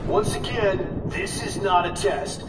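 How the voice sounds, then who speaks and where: A man's voice: high voice, takes it slowly. A man playing a formal emergency broadcast announcer in a video game, grave and official. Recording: distant echoing broadcast, loud noise.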